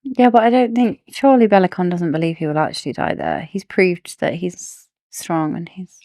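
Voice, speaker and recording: A woman's voice: lowish voice, expressive, moderate pace, mellow, no room sound, clean studio sound. A woman co-hosting a podcast, casually discussing a book and musing over plot theories. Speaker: podcast co-host.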